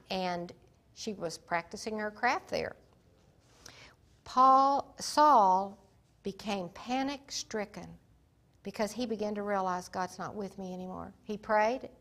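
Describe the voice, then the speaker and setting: In Africa, a woman with a medium-pitched voice teaches the Bible in sermon style. She retells its stories with drama and emphasis, at times dropping into a hushed voice.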